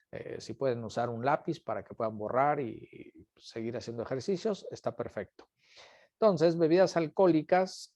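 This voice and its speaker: A man's voice: medium pitch, mellow, no room sound. A man teaching an online class, patiently repeating each question and calling on students by name. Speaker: instructor.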